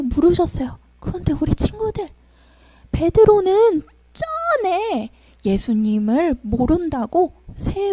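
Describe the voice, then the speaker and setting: A young woman tells a storytelling sermon for children in an animated, sing-song manner. Her voice is very high and swings widely. The recording is close and dry. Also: dry recording. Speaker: children's ministry preacher.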